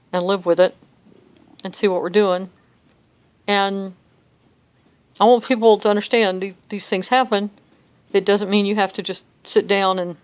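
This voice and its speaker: A woman's voice: medium pitch, clean tone. An older woman talks in a chatty, upbeat, self-joking way in a casual personal video diary. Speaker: vlogger.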